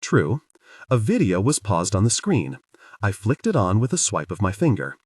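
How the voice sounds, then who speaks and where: A man narrating a first-person audiobook with wry, lively storytelling. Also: fairly low pitch, moderate pace, breathy edge, dry recording, studio quality, distant mic.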